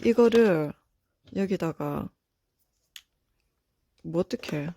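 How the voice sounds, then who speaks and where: A woman chatting as she unboxes toy figures. Her pitch leaps up and down as she exclaims and talks to herself. Wrapping crinkles behind her. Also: expressive, extremely slow, gravelly, dark tone. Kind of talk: casual unboxing chat.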